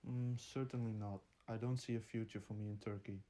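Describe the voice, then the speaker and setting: Teen male interviewee from the Netherlands, earnest and plain, a touch low, darkish tone. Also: fairly even intonation, fairly quick, dark tone, slight background noise. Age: teens. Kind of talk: answering interview questions.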